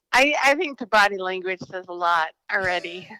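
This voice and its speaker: A woman's voice: medium pitch, sharp tone, a little hiss or hum, poor audio. A woman co-hosting a casual talk show, telling stories with frequent giggles. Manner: giggly storyteller. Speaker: co-host. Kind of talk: casual chat.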